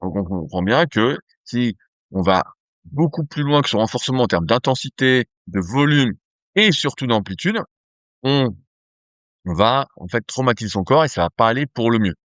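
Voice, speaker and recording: With a medium-pitched, slightly bright voice, a podcast host and nutrition company cofounder discusses strength training at a moderate pace. He sounds animated and conversational, with fillers and restarts, and the recording has no room sound.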